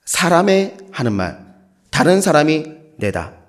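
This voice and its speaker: A man's voice: medium pitch, brisk. A male pastor with a Gyeongsang accent, preaching a sermon in a playful way and acting out short quotes. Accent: Gyeongsang Korean. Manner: playful, with lively acted quotes.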